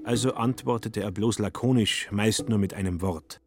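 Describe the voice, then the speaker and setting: A man with a fairly low voice tells the story of a radio play in a measured, vivid way. Faint music sits under his words. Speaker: narrator. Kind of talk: scripted radio play narration.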